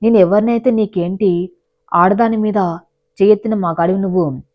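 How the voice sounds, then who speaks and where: A woman's voice: medium pitch, normal speed, no echo, lightly acted. A woman reading the part of an angry young husband who fiercely protects his wife in a storybook reading, on slightly dull audio. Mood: angry warning. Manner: fierce and warning.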